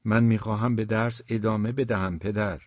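A man reading the part of a quiet teenage boy who answers his father in short, subdued, defiant replies. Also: lowish voice, steady tone, dry recording, highs cut off, close to an everyday voice.

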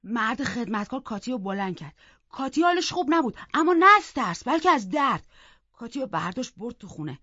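A woman reading a novel aloud in scripted first-person narration, expressive and acting out the characters. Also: fairly high pitch, husky, dry recording. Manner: expressive, acts out the characters' voices. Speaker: audiobook reader. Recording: dull, dry close recording.

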